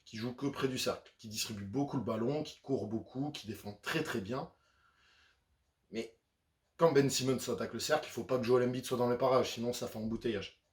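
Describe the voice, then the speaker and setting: Male video host, chatty sports breakdown, mid-pitched, echoey room. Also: fairly quick. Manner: chatty, conversational with frequent fillers. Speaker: basketball YouTuber. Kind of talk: casual sports analysis.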